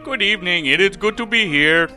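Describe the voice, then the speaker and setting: A man's voice: high voice, expressive, a little fast, pushed and bright, faint music behind, heavily acted. A man playing a touchy, imperious terrorist bachelor on a parody dating show. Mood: polite, hesitant. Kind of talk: comedy sketch acting.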